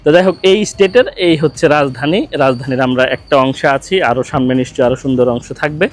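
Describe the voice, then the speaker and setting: A man from Bangladesh, talking casually and haltingly to a phone camera while he walks outdoors and later rides in a car. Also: medium pitch. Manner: chatty and hesitant, with many fillers. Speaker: vlogger. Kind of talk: casual travel vlog narration.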